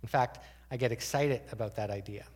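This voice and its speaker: Pastor preaching in an echoing church. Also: male voice, medium pitch, brisk. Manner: conversational preaching with many rhetorical questions. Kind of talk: sermon. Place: church sanctuary.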